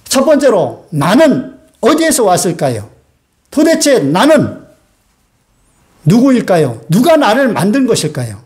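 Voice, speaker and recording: A man's voice: high voice, huge pitch swings, unhurried, a little mellow. A man pastor preaching a sermon, telling a childhood story in a conversational way with frequent "uh" fillers and asking the congregation to repeat after him. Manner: asks the congregation questions and has them repeat after him.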